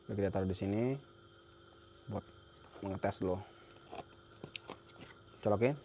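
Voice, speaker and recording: A man's voice: lowish voice, steady tone, measured pace, warm tone, slight background noise. A young man from Central Java giving a casual hands-on repair tutorial in a workshop, talking as he works and repeating his phrases. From Central Java, Indonesia. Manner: casual, talks while working, repeats phrases. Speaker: repair technician.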